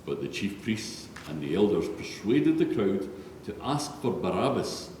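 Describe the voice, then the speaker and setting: Recorded at a distance in a vast, echoing church with slight background noise, a man reads scripture aloud in a solemn, scripted narration. His lowish voice is a little mellow, somewhat slow, and sing-song.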